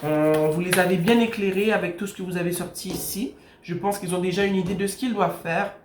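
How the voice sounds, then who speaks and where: A woman doing a casual tarot reading, talking straight to the viewer and softly calling on the universe for messages. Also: fairly low pitch, fairly quick. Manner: speaks straight to the viewer, calls on the universe in soft pleas. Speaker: tarot card reader. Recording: echoey room with steady background noise.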